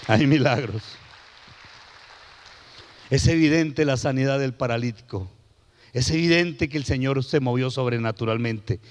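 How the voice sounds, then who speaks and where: A middle-aged man preaching a sermon as guest pastor, telling stories with shouted peaks and hushed drops. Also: mid-range voice, a little slow, long pauses. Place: church sanctuary. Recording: long hall reverb of a church.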